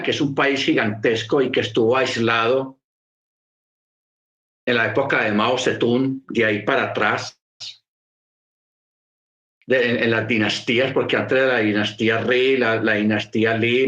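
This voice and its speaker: Male preacher, middle pitch, teaching tone with repeated phrases, reverberant room. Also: fairly bright tone. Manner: explanatory, repeats phrases for emphasis. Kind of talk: sermon teaching.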